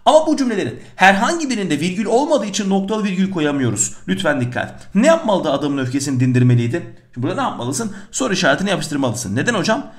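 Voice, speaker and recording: A middle-aged man teaching a lesson on punctuation, animated, asking questions and answering them himself. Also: high voice, quick pace, hardly any pauses. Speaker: Turkish teacher. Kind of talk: lively lesson on punctuation exercises.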